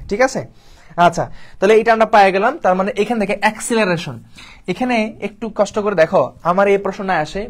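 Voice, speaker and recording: Fast-talking Bangladeshi English tutor. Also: male voice, high voice. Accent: Bangladeshi Bengali. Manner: fast, repetitive, checks in with students often. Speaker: admission test English teacher. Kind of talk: online exam-prep lecture.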